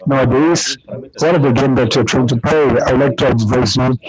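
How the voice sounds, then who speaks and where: A man interpreting speeches live at a meeting, delivering them in halting chunks, phrase by phrase. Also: mid-range voice, fairly even intonation, a crowd in the background, rough recording. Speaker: conference interpreter.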